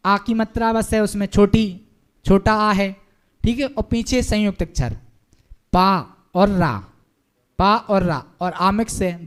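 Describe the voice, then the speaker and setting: A man's voice: high voice, smooth. A man teaching a Hindi-language devotional class, patiently drilling pronunciation by stretching out syllables and having the class repeat them. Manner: slow, drawn-out syllable drilling, patient and encouraging. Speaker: Jain monk teaching a class. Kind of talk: pronunciation lesson, call and repeat.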